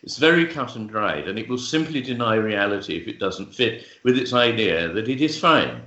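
A man speaking as a guest author, explaining ideas in measured talk with frequent pauses, fillers and restarts. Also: lowish voice, animated, bright, forceful tone. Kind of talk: thoughtful explanatory interview talk. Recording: roomy, dull lo-fi sound.

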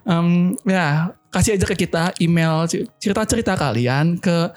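A man's voice: high-pitched, moderate pace, a little mellow. A man who cannot pronounce his r's properly, chatting casually as a podcast host.

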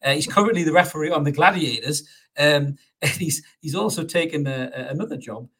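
A man's voice: a little high, a little fast, a bit bright, breathy edge. A man hosting a casual football podcast, chatty, laughing often and swearing freely. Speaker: podcast host.

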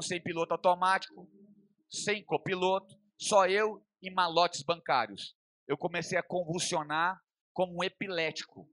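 A young man preaching a testimony sermon, swinging from loud fervent passages to quiet storytelling. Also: a little high, dry recording. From Brazil.

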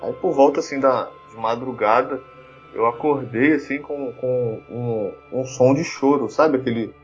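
A man's voice: mid-range voice, measured pace, highs cut off, soft background music. A man with a Brazilian Portuguese accent telling a story in casual chat, full of fillers and restarts. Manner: chatty, lots of fillers and restarts.

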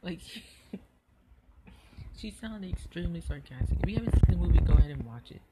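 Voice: medium pitch, animated, moderate pace, heavy background noise. A podcast host giving a casual solo review, rambling and hesitant, often restarting sentences and filling gaps with "like".

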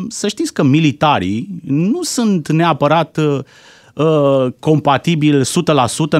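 A man's voice: fairly high pitch, darkish tone, dry recording, studio quality. A man giving heated, indignant political commentary on a talk show, firing off rhetorical questions.

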